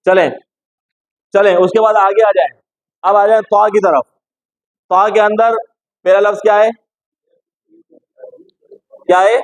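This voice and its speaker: Slow, high-voiced man drilling recitation. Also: fairly even intonation, no echo, rough recording. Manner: drills words slowly, repeating each many times; asks the class questions and corrects them. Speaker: Quran recitation teacher. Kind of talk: classroom tajweed lesson.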